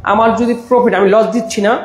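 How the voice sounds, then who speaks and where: A Bangladeshi man selling his flat, polite and agreeable, heard with the heavy echo of a bare room. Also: high-pitched, fairly quick. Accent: Bangladeshi Bengali. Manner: polite, keeps answering yes sir. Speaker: flat seller. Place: empty apartment indoors. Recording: echoey empty flat.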